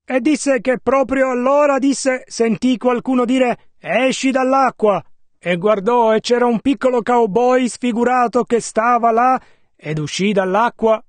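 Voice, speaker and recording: A man interpreting a sermon line by line in a steady, measured way. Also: very high-pitched, no room sound. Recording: dry, close sound.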